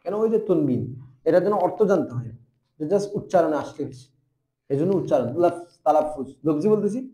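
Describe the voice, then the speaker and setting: A young man with a Bangladeshi Bengali accent teaching a grammar lesson, asking questions and answering them himself, and repeating terms slowly. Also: on the high side, animated, warm tone, echoey room. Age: young adult. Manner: spells out letters and repeats terms.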